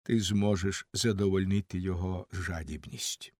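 A man's voice: deep voice, fairly even intonation, normal speed, a little mellow, no echo, studio quality. A man reading an audiobook and voicing a generous outlaw leader, who speaks in a commanding, magnanimous and wry way. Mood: advising.

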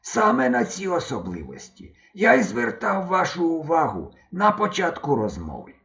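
A man reading aloud, putting on the voice of a formal, worried older man who speaks slowly and carefully. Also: high voice, huge pitch swings, creaky, a bit bright, lo-fi sound, pitched above the performer's own voice, exaggerated voice. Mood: insistent.

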